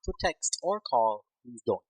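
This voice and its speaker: A man hosting a radio interview, asking rambling, halting questions. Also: mid-range voice, big pitch swings, a little hiss or hum, low-quality recording. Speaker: radio show host.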